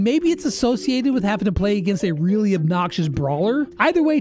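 Sitting high in pitch but with a darkish tone, this male video host gives relaxed, chatty countdown commentary. The setting is a small indoor home studio, captured on a close boom-arm studio microphone with faint music playing behind him.

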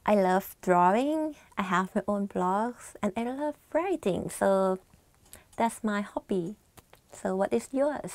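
Thai woman host with gravelly edge. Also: mid-range voice, animated, a little slow, darkish tone, dry recording. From Thailand. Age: 20s. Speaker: language teacher host. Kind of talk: scripted language lesson. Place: small studio, plain backdrop. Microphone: lapel.

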